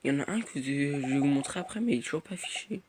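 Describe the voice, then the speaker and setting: A man's voice: on the high side, expressive, very fast. A teenage boy giving casual gameplay commentary, rambling with many fillers and muttering at the game. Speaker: gaming youtuber. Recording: noisy home recording.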